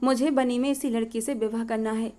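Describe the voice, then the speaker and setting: A woman's voice: on the high side, steady tone, a little fast, warm tone, lightly acted. A woman voicing a ruthless, vengeful young male landlord in a storybook reading, with a menacing, commanding delivery. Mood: cruel, threatening.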